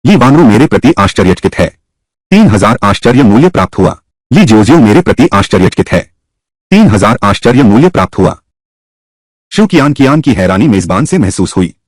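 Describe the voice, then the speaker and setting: A man voicing a Hindi dub of a short drama with a husky, theatrical delivery. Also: on the low side, big pitch swings, brisk, no echo. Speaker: dub voice actor.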